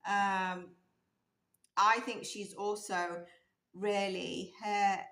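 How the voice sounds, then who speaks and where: Giving an offhand tarot reading, a woman thinks aloud in a mid-range, fairly bright voice, with many ums and restarts. She's losing her voice, which leaves it a little strained. The overhead camera shows only her hands at an indoor table set with a candle and cards, and the space sounds echoey.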